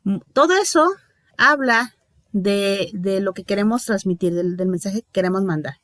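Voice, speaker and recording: A woman's voice: mid-range voice, moderate pace, fairly bright tone, dry recording, studio quality. A woman giving a recorded lecture, talking in a loose, conversational way, full of fillers and restarts and often checking in with her listeners. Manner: conversational, many fillers and self-corrections; checks in with listeners with tag questions. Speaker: teacher.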